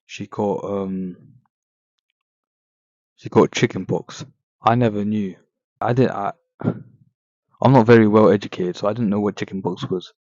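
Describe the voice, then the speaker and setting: A man's voice: on the low side, steady tone, unhurried, pauses often, a little mellow, no echo. A teenage man tells a rambling story-time vlog, his voice muffled by a face mask he is wearing, and he leans on "like" and "basically" as he talks. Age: teens. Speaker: vlogger.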